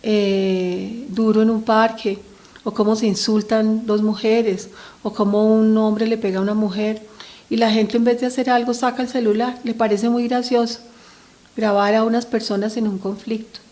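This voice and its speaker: A middle-aged woman who speaks on family mental health gives an earnest talk to parents about their children's emotions. Her voice is slightly high and mellow, at normal speed with little pitch movement, and she addresses listeners directly with frequent short tag questions.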